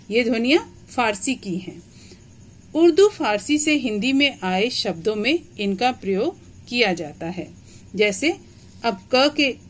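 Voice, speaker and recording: A woman teacher giving a grammar lesson, explaining step by step and checking understanding with questions. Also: fairly high pitch.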